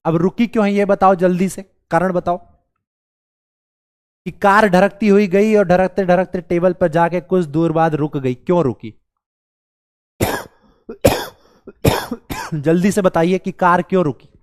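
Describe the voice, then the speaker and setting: सर्दी से बैठे गले और खांसी वाला एक पुरुष शिक्षक, बिहारी लहजे में ऑनलाइन क्लास लेता है, बच्चों को मज़ाकिया ढंग से मनाता और सवाल बार-बार दोहराता है।. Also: male voice, high voice, a little slow, pauses often, clear, resonant tone. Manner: playful, coaxing, repeats questions to the class. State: hoarse with a cold, coughing. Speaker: teacher. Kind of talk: live online class.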